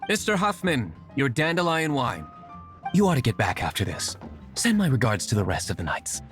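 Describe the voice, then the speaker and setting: A man's voice: mid-range voice, sing-song, normal speed, a bit bright, faint music behind. An actor playing a curt, aloof young nobleman and secret vigilante in a video game, speaking drily and formally. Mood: composed. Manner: dry, formal, terse.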